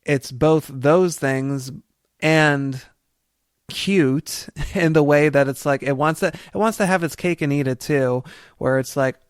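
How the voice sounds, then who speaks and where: A man's voice: a little high, takes it slowly, clear, resonant tone, no room sound, studio quality. A man co-hosting a podcast, talking in a casual, reflective way that meanders as he tells a story. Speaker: podcast co-host.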